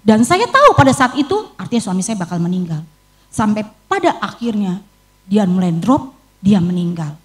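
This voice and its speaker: A woman's voice: medium pitch, sing-song, normal speed. A middle-aged woman evangelist with an Indonesian accent, preaching a sermon and telling her own story with feeling. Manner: storytelling, emotional, quotes her own prayers. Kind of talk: sermon with personal testimony.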